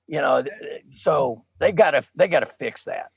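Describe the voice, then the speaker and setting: Gravelly husky man on a dull mic. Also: a little high, animated, normal speed, dry recording. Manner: blunt, plainspoken. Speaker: podcast co-host. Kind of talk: casual sports chat.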